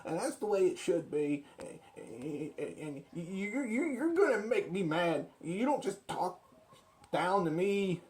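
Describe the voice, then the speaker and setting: A man's voice: high voice, big pitch swings, takes it slowly, darkish tone, heavily acted. A man playing a touchy, stubborn would-be author who argues insistently, in a comic skit of arguing with himself. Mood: offended. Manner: argumentative, insistent, repetitive.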